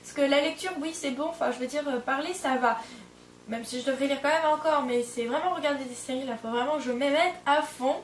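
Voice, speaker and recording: Speaking briskly in a high voice, this twenty-something vlogger from France works as an au pair and chats loosely, full of fillers and corrections of herself. There's slight background noise, and she sounds distant from the mic in an echoing room.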